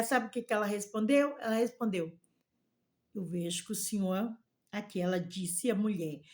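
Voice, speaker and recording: A woman's voice: mid-range voice, darkish tone. A woman missionary gives a sermon, retelling a Bible story and its dialogue in plain, fervent speech, often tagging lines with a questioning "né?" and praise to God. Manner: retells scripture dialogue in plain speech, often adding "né?" and "louvado seja Deus"; fervent, openly amazed. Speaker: missionary preacher.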